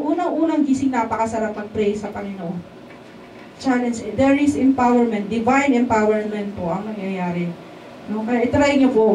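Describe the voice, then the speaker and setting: A woman from the Philippines, with a high voice and dark tone, shares a testimony during a church service. She keeps it casual and chatty, repeatedly seeking the congregation's agreement, while the echoey hall, distant mic placement and faint background noise color the sound.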